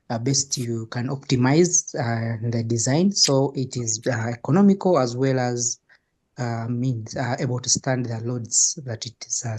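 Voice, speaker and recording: A man's voice: mid-range voice, a little mellow. A man from Uganda introducing himself on a video call, speaking fluently with frequent fillers. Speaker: class participant.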